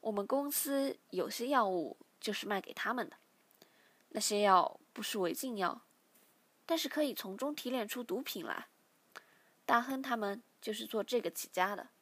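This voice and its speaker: A woman's voice: fairly high pitch, lively intonation, moderate pace, a bit bright, slightly rough. A woman voicing a stern, weary middle-aged father who lectures his grown son, in a read-aloud novel. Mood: lecturing.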